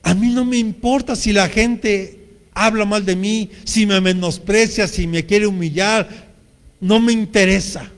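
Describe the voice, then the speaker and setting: A man's voice: sits high, steady tone, a little slow, long reverb tail. A man with a Mexican accent preaching a sermon as pastor, speaking earnestly and addressing the congregation directly. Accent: Mexican Spanish.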